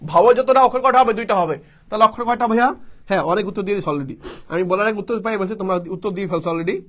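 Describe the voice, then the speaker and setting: His voice sits high and races along as he teaches an admission-test course live online. The man repeatedly asks questions and answers them on his own, call-and-response fashion.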